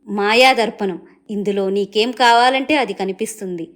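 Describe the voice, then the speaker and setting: A woman storyteller voicing a gruff male pig-like beast, possessive yet kind, with a low, stern, commanding manner. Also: moderate pace, a bit bright, natural voice. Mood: gentle.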